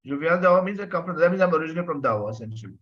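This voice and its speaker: Racing along in an animated way, this fairly high-voiced man leads a French class online, patiently explaining, repeating things and asking the class for answers. The sound is dull and lo-fi, like a video call.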